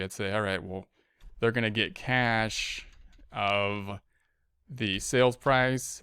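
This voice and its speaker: With a fairly bright, clear and resonant mid-range voice, this man works through a spreadsheet tutorial as an accounting instructor. He thinks aloud and keeps repeating phrases while moving through each step, and there's no room sound.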